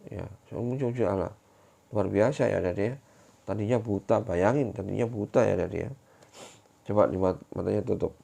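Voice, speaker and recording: A man's voice: on the low side, fast, creaky. A man teaching children at church, telling a Bible story with repeated questions to the kids. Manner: keeps addressing the kids, repetitive and animated.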